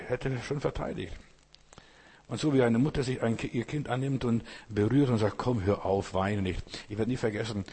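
A man preaching a sermon, speaking straight to the listener, repeating phrases with slow, emphatic pauses. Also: lowish voice, darkish tone, husky. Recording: reverberant hall.

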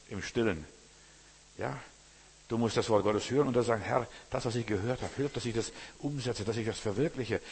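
A man preaching a sermon, talking straight to the listener and asking again and again whether they understand. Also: medium pitch. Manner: direct, addresses listener as du, repeats "verstehst du?". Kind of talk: sermon announcing the week's topics. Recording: long reverb, husky sound.

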